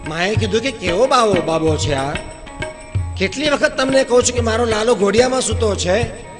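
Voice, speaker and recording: A man doing a brisk protective mother. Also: sits high, animated, big-room sound, music in the background, voice pushed up. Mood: dismissive.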